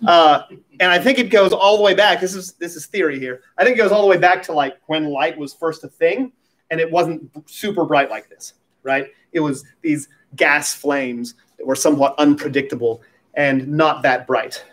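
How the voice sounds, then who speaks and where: A man's voice: fairly high pitch, normal speed, fairly bright tone. A man preaching a sermon at a pulpit microphone as pastor, talking in a conversational way with light humorous asides.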